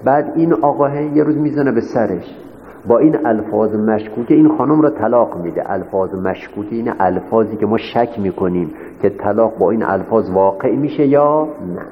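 Male seminary teacher going over each point again and again, asking the class questions, lo-fi sound with faint hiss. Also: lowish voice. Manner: repetitive, asks students rhetorical questions. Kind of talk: classroom lecture. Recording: echoey hall, dull lo-fi sound with faint noise.

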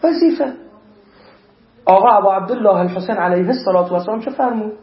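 A male cleric giving an animated sermon, reciting Arabic verses between his points. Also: high-pitched. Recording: roomy, dull lo-fi recording.

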